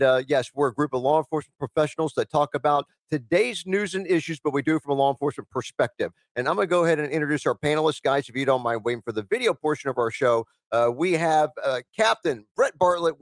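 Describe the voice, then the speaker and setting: A man's voice: on the high side, quick pace, no room sound. Male radio host, rambling, reads news, filler-heavy, dry studio sound. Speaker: talk show host. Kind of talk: live radio talk show hosting. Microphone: studio microphone.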